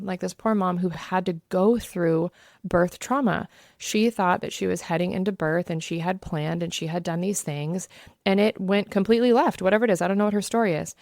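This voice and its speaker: A woman's voice: fairly low pitch, gravelly, a little mellow, no room sound, studio quality. A woman in her thirties hosting a solo podcast, speaking to listeners in an earnest, encouraging way. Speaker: podcast host, pregnancy coach.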